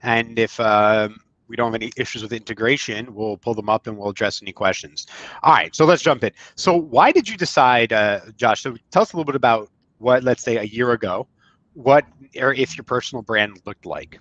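A man's voice: medium pitch, brisk, a bit bright, no echo. A man hosting a casual live interview, upbeat and loose, with filler words. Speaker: host. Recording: dull lo-fi sound.

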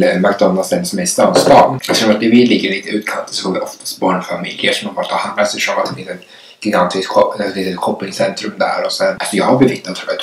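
A young man vlogger telling work stories while eating, chatty and rambling with many restarts. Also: low voice. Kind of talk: casual storytelling while eating. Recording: echoey room, mic some distance away.

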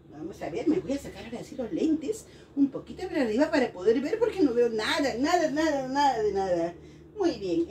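A woman's voice: fairly high pitch, darkish tone, distant mic, slight background noise. A woman teacher giving a playful, singsong lesson to young children, coaxing them along.

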